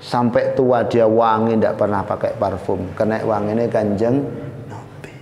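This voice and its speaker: An unhurried male preacher with an East Javanese Indonesian accent tells a story with lively, dramatic flair. His voice rings around a large hall with a long reverb. A faint ambience hums underneath. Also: on the low side, a little hiss or hum. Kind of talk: storytelling religious lecture.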